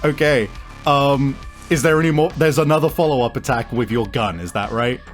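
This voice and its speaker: Faint music plays behind a mid-range male voice as he runs a tabletop game, making up the narration on the spot. He hesitates as he reasons out loud, describing both what happens and how the rules work.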